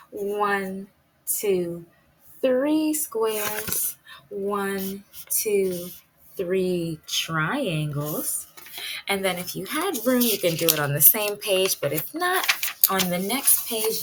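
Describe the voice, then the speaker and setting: Over poor audio with a bit of background noise, a medium-pitched woman leads a virtual storytime for young children. This preschool teacher speaks in plain, deliberate phrases and keeps quizzing the kids.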